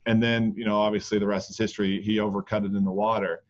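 A man's voice: fairly low pitch, flat delivery, fast talker. Rambling man on a dull podcast line. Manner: rambling, frequent restarts and fillers. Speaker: podcast co-host, golf coach. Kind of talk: casual chat.

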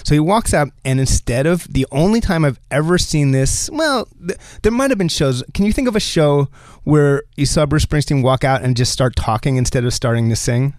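A man from New Jersey hosting a podcast in casual chat, animated and laughing often as he talks. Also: on the high side, normal speed, no echo, clean studio sound. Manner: animated, laughs often, restarts mid-sentence. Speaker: podcast host.

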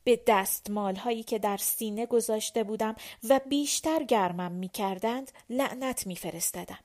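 Lady reading an audiobook, calm measured pace, kinda high voice. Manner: measured, even storytelling. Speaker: audiobook narrator. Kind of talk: scripted narration.

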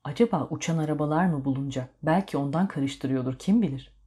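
A woman's voice: deep voice, quick pace, mellow, close to an everyday voice. A woman voicing a puzzled young man asking baffled, wondering questions.

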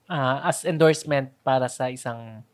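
A woman's voice: a bass voice, moderate pace. A woman co-hosting a casual podcast chat, asking questions and mixing English into her talk. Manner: chatty, asks questions, eats chips while talking. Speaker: podcast co-host.

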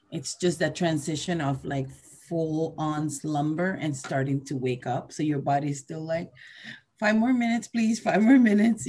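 An expressive woman in her forties, a herbalist teacher guesting on a podcast, tells stories casually in a low-pitched voice. Originally from Venezuela, she moved to New Jersey at eleven. She repeats words and acts out quotes.

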